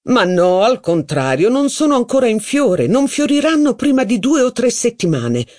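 A man's voice: extremely high pitch, sing-song, normal speed, a little mellow, dry recording, studio quality, voice pushed up. A reader voicing a knowledgeable male archivist who corrects others in a matter-of-fact way. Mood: precise.

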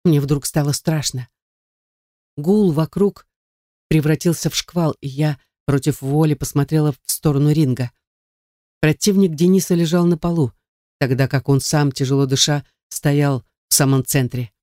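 A man's voice: a little high, moderate pace, dark tone, no room sound, clean studio sound. A man narrating a first-person novel in a tense, dramatic reading. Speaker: audiobook narrator.

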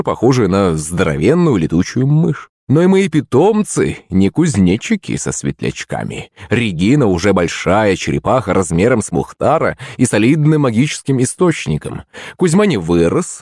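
Lively wry male audiobook narrator. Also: fairly low pitch, breathy edge, no echo, clean studio sound. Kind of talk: scripted narration of a fantasy novel.

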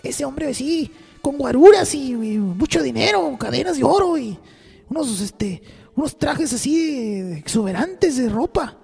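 A high-pitched woman with a Mexican accent spins a crude comic story on the radio, swearing freely and rambling along. Her voice rings out in a reverberant studio. Faint music plays underneath. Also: lively intonation, a little slow, creaky, dark tone, slightly rough. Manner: crude, profane, rambling, full of slang. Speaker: on-air storyteller.

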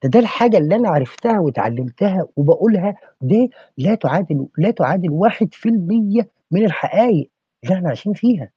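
This Egyptian-accented man delivers rapid-fire, expressive speech in a high, breathy-edged voice. Preacher-like, he peppers a podcast discussion with rhetorical questions. There's no echo, but the recording is dull and lo-fi.

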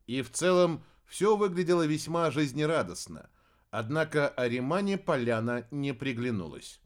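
A man narrating a children's fantasy audiobook. His delivery is expressive and animated, with a lively, swinging pitch. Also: normal speed. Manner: expressive storytelling. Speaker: audiobook reader. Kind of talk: scripted narration.

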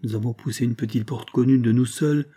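A man voicing a frail, gentle old man who pleads tenderly, in a storybook reading. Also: medium pitch, steady tone, brisk, natural voice. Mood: sorrowful.

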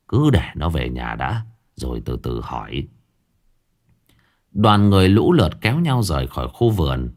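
Low-voiced guy telling a ghost story, very animated delivery. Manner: dramatic, lively storytelling. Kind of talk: scripted ghost story narration.

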